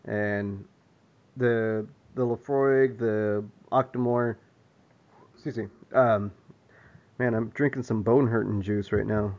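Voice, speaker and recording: A man co-hosting a podcast in casual chat, laid-back and quick to laugh and swear. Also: on the low side, steady tone, darkish tone, dull audio. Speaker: podcast co-host.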